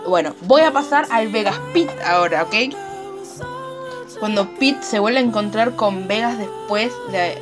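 A woman with an Argentine accent excitedly retelling and commenting on a series episode, acting out lines and gunshot sounds. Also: mid-range voice, a little slow, music in the background. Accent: Argentine Spanish. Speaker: series reviewer. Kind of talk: casual recap and commentary.

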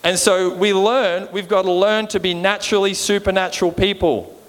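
An Australian man gives an informal, conversational sermon in a high, fairly bright voice, delivered flatly at a moderate pace. He repeatedly checks in with listeners to win their agreement, and a long hall reverb surrounds his words.

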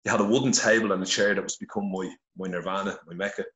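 Deep-voiced and fast, with fairly even intonation and a fairly bright tone, a middle-aged Irishman tells his story candidly as a podcast guest, blunt, earnest and swearing heavily. He holds the phone to his face, and the recording is reverberant and low-quality.

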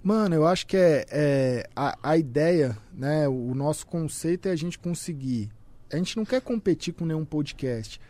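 As a guest on a podcast, a young adult content creator chats casually, loosely, with plenty of filler words. He speaks at a moderate pace in a slightly high, expressive, warm voice.

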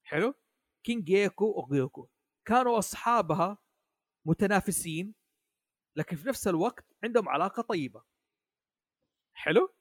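Man, casual podcast guest, slightly high voice, very dry close sound, halting delivery. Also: expressive, no room sound. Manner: hesitant, many restarts, asks "حلو؟" often. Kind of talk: casual chat about an anime.

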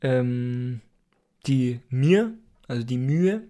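A man's voice: on the high side, fairly even intonation, moderate pace, a little mellow. A man casually explaining things on a podcast, hesitant with many fillers and a teasing edge. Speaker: podcast co-host explaining dialects.

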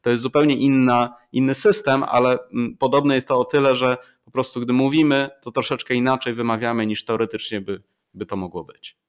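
A middle-aged male professor talks through a subject in a measured, explanatory way. He works through examples and often pauses on fillers or restarts a word. His pitch sits at an ordinary middle level for a man. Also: steady tone, clear, resonant tone. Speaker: professor of Chinese, interview guest. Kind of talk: explanatory interview talk.

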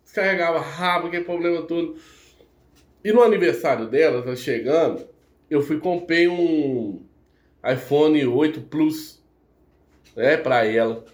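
A man, a podcast guest, telling a personal story in a halting, emotional way. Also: on the high side. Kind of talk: casual storytelling. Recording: roomy echo.

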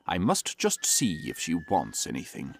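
A man voicing a huntsman in a storybook reading, brisk and slightly raised. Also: sits low, wildly swooping pitch, gravelly, a bit bright, slight background noise, pitched below the performer's own voice, full character voice. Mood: curious. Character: passing huntsman, adult man, concerned.

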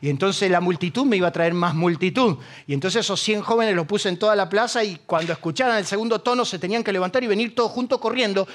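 In a high-sitting, fairly bright voice, a middle-aged Argentine pastor delivers a sermon quickly and with hardly a pause. He speaks Spanish-accented and leans on humor, acting out the different voices in his stories.

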